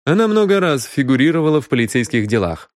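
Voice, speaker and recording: A man's voice: mid-range voice, big pitch swings, quick pace, dry recording, pitched above the performer's own voice, lightly acted. Guy reading a stern dry detective, curt, close mic. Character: stern, dry middle-aged male detective.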